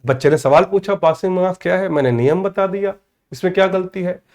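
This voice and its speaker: A man with an Indian accent teaching an online English grammar class, calling students by name, checking they follow, and saying English phrases slowly word by word. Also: high voice, darkish tone. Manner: addresses students by name, asks "clear?" often; mixes Hindi with slow, spelled-out English.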